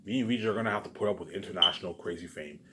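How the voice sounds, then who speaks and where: A male online video maker with a lowish voice and very fast delivery rambles unscripted to viewers, looping back to the same phrases. He swings emphatically between loud bursts and low muttered asides. The recording is very noisy.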